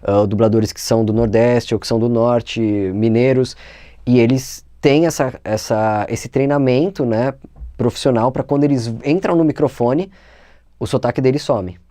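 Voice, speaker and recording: A man with a São Paulo Brazilian accent, calmly explaining as a voice actor guest in an interview. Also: mid-range voice, moderate pace, no echo, clean studio sound. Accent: São Paulo Brazilian Portuguese.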